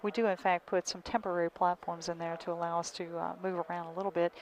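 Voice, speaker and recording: A woman's voice: fairly low pitch, little pitch movement, fast talker, rough recording. A woman giving a conversational technical explanation as an interview guest.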